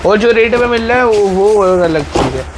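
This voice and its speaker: A man's voice: high-pitched, expressive, moderate pace, background noise. A man co-presenting a sales video, chiming in with short approving remarks.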